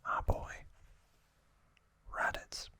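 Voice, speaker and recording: A man hosts an ASMR session, whispering trivia in short, halting phrases with a breathy, hushed delivery.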